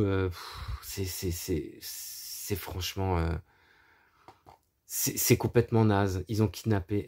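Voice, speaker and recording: A man chatting casually about his film collection, crude and profane, mocking with frequent laughs. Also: lowish voice. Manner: laughs often, animated asides. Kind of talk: casual chat.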